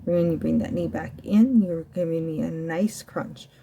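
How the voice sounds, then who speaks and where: Mellow, creaky-voiced woman fitness instructor. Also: sits low, steady tone, normal speed, dull audio, slight background noise. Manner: talking while demonstrating floor exercises. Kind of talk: instructing a home ab workout, coaching cues. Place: indoors at home.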